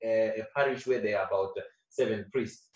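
In this casual interview, a Shona-speaking actor from Zimbabwe talks at an ordinary pace with real earnestness. He repeats phrases and his pitch and volume climb when he gets animated, though the faraway mic makes everything sound distant, roomy and dull.

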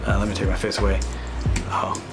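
A man's voice: on the low side, completely flat delivery, brisk, loud music behind the voice. A man in his thirties, a real estate agent, giving a casual screen-share market update, thinking aloud with fillers and self-corrections.

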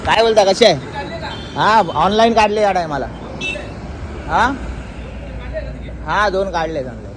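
A man's voice: sits high, animated, measured pace, a crowd in the background, background noise. Chatty man vlogging on a phone. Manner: chatty, addresses viewers directly. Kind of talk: casual family vlog chat.

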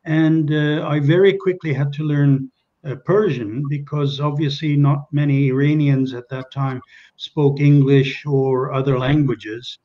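Speaking from a small room at home over a webcam, an older man from Kenya, a native Czech speaker, is interviewed on a video call and keeps hesitating and starting over. His voice is a little high and steady, a bit slow, and the recording is muffled.

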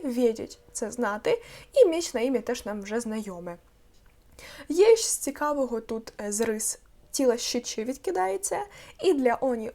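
A woman teaching an online language lesson, explaining patiently and sounding out example words slowly. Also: fairly high pitch, mellow.

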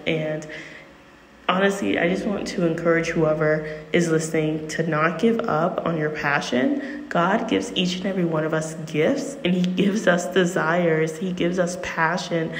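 Woman, effusive casual vlogger, fry-edged delivery, reverberant bathroom recording with music underneath. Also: sits low, slight background noise. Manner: chatty, effusive, self-interrupting. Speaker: video host and painter. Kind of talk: casual chatty product review voice-over. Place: small echoing bathroom, indoors. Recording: echoing bathroom, music behind. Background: background music.

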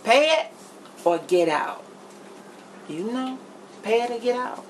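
This middle-aged woman's voice is on the high side and animated, though she speaks slowly. She vlogs from her home kitchen, chatting bluntly, candidly and emphatically to camera as she cooks. Noticeable background noise fills the kitchen recording.

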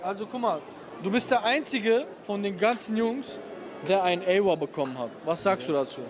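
A man in his thirties hosting a street dating game with a handheld mic, briskly counting down and joking with contestants. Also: high voice, lively intonation. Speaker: street interviewer. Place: busy underground station concourse, indoors. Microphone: handheld microphone. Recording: crowd noise and background music.

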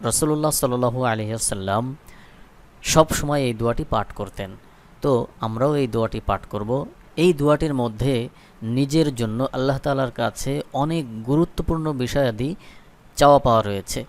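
A man with a Bangladeshi Bengali accent teaching a recitation lesson. He spells out syllables and then chants them slowly for learners to repeat. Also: mid-range voice. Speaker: Quran teacher.

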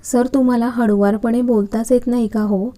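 A woman's voice: on the high side, fairly even intonation, normal speed, dark tone, natural voice. A woman reading the lines of a cheeky young woman student in a storybook romance, teasing and talking back.

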